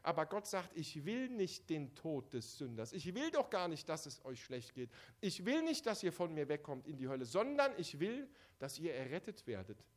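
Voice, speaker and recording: A man preaches a sermon, speaking right to his listeners. His voice sits a little high and moves a lot, dropping quiet and then pushing loud for emphasis. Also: very animated, normal speed, few pauses. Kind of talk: evangelistic sermon.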